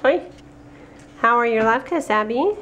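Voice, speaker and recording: A woman's voice: fairly high pitch, expressive, slow pace. A woman, a mother filming a family home vlog, talking openly and emotionally. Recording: noisy home camera audio.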